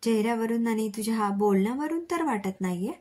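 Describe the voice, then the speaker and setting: A woman voicing a stern, work-weary middle-aged father in a storybook reading, with a breathy voice. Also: fairly high pitch, animated, a little fast, dark tone. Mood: gentle.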